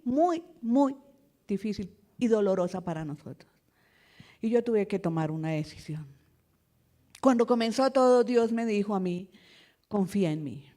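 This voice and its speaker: High-pitched colombian lady preaching in church, goes loud then drops soft and low. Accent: Colombian Spanish. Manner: preaching with rhetorical questions, shifting between loud emphasis and soft low tones. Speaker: pastor. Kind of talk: sermon.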